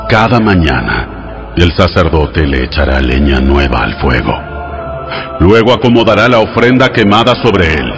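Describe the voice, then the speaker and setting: Music underscores this dramatized audio Bible scene, where a male actor with a fairly low voice plays God, solemn and authoritative, delivering laws in a steady, teaching tone.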